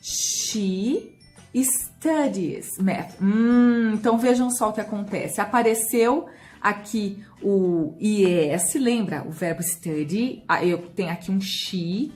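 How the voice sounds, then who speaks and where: A woman with a Brazilian Portuguese accent teaching English grammar, slowing right down to model the English phrases and checking in often with short asides to the viewer. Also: medium pitch, darkish tone, faint music behind. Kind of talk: explaining a grammar lesson.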